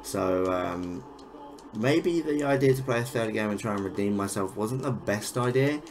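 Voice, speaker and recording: A man's voice: on the low side, expressive, moderate pace. A young man giving casual, frustrated gameplay commentary, swearing and exclaiming over each goal. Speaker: gaming YouTuber.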